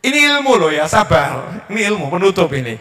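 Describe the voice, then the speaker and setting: A man with a Javanese accent preaching a sermon, swinging between loud shouted calls and hushed asides. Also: sits high, sing-song, fairly quick.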